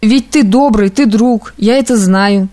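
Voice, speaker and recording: A woman reading aloud, voicing an emotional young male clerk who pleads and rushes his words. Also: mid-range voice, mellow, lightly acted. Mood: excited.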